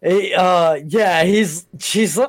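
A man's voice: high-pitched, very slow, dry recording. A man co-hosting a casual chat about a TV episode, rambling, restarting his sentences and swearing now and then. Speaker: podcast co-host.

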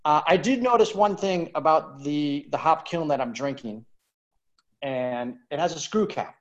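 A man's voice: a little high, unhurried, dull audio. Rambling man hosting a wine tasting. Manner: rambling, repeats words as he searches. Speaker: host of a virtual wine tasting. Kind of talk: interview chat. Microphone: video call.

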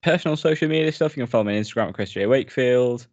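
A man's voice: mid-range voice, rapid-fire, darkish tone, no echo, lo-fi sound. A British man co-hosting a podcast in casual chat, laughing often as he wraps up the episode. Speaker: podcast co-host.

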